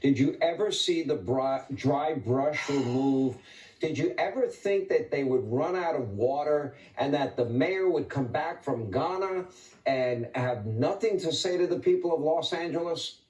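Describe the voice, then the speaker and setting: A man's voice: on the high side, expressive, a little slow, darkish tone, reverberant. Male host heard from a distance. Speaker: talk show host. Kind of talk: broadcast interview.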